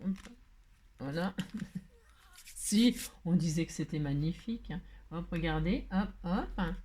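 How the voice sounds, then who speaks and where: A woman's voice: lowish voice, animated, measured pace, warm tone, slight background noise. A woman hosting a casual crafting tutorial, chatty and playful, joking as she works. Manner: chatty, playful, full of filler tags. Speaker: craft video host.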